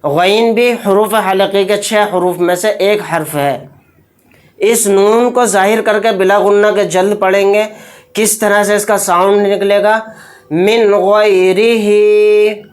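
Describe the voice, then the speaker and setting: A Quran reading teacher giving a tajweed lesson. The teacher explains rules quickly, asks a question and answers it, then spells and recites each word slowly, syllable by syllable. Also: mid-range voice, fairly even intonation. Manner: brisk explanations alternating with slow, drawn-out syllable-by-syllable spelling.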